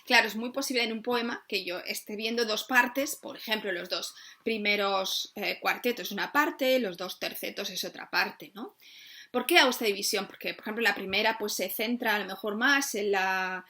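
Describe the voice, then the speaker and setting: A woman's voice: mid-range voice, normal speed, bright, forceful tone. A woman, a literature teacher giving an exam review lesson and checking in with "¿eh?" and "¿no?" often. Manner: explanatory, frequent tag questions and fillers.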